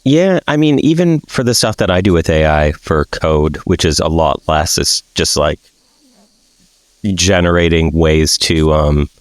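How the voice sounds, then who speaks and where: A man co-hosting a podcast, talking in a relaxed, blunt way with lots of fillers. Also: a bass voice, measured pace, dry recording. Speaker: podcast co-host. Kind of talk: casual chat.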